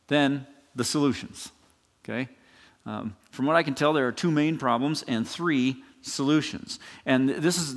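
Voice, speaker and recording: Guy preaching a sermon, chatty and animated, kinda high voice, long church echo. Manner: animated, conversational preaching with restarts and rhetorical "right?". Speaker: pastor. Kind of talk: expository sermon.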